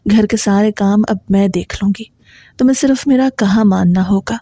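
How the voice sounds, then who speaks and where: A haughty young stepmother who gives bossy orders, as a woman storyteller reads her. The voice is warm and mellow, recorded dry and close. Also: medium pitch, no room sound, natural voice. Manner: bossy, loud.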